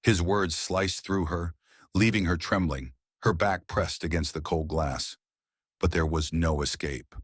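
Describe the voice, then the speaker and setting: A man narrating a romance story in a measured, dramatic storytelling manner. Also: deep voice, slightly rough, no room sound, clean studio sound.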